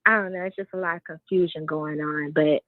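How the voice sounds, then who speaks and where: Low-voiced woman caller on a phone line. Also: fairly even intonation, brisk, no echo. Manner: earnest, hesitant, repeats her points. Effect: over a phone line. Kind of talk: casual call-in opinion. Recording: dry, narrow phone line.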